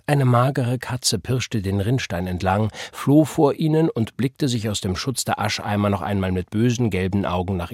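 A man reading an audiobook in a calm, measured narration. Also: on the low side, slightly rough, dry recording, studio quality.

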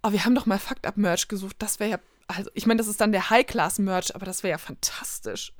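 A woman's voice: medium pitch, fast, dry recording, clean studio sound. A woman co-hosting a science podcast in casual, playful banter, her voice scratchy from a slight cold. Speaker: podcast co-host.

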